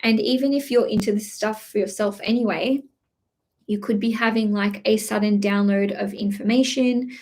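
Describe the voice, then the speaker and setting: A woman's voice: mid-range voice, steady tone, normal speed, darkish tone, slight background noise. Woman astrology streamer, chatty, lots of fillers, slight cough. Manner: chatty, many fillers and restarts. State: slight cough, throat clearing. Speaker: astrology reader. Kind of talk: live-streamed horoscope reading.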